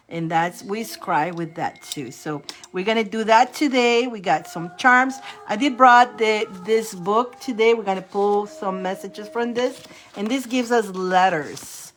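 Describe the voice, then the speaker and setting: A woman's voice: medium pitch, fairly bright tone. A bubbly, giggly woman hosting a tarot livestream, chatting casually with her viewers. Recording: light music in the background. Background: background music.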